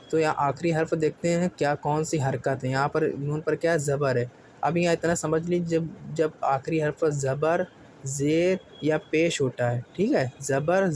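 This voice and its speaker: A man leads a careful Quran recitation lesson. He breaks each word into letters and vowel marks. His slightly high voice keeps checking that the learner follows, over faint background ambience. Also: a little mellow, slight background noise. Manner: patient, often asks "theek hai?", spells letters slowly. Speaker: Quran tajweed teacher. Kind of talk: slow step-by-step recitation lesson.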